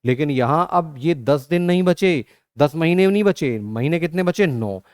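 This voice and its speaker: With a fairly high, slightly mellow voice and lively intonation, a male online reasoning teacher moves at a moderate pace through arithmetic for exam prep. He poses questions, answers them himself, and addresses students as "beta," all in clean, echo-free studio sound.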